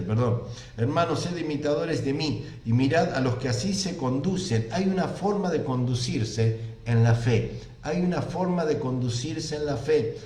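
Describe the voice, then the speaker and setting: A man with an Argentine accent delivers a sermon at a mid-range pitch, moving between scripture readings and emphatic preaching. He drives his points home by repeating phrases. The recording rings with room echo. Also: a little mellow. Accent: Argentine Spanish.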